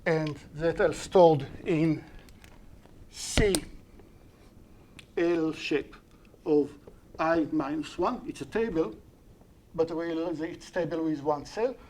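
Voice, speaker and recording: With faint background noise behind him, a male lecturer who speaks Hebrew natively explains an algorithm in English for a live stream. He goes one step at a time, stopping to correct and restart, his somewhat high voice soft and mellow.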